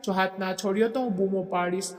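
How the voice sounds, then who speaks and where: A man's voice: sits high, steady tone, fast talker, natural voice. A man voicing a frightened but defiant young woman in a storybook drama, pleading and raising his voice. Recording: echoey long reverb.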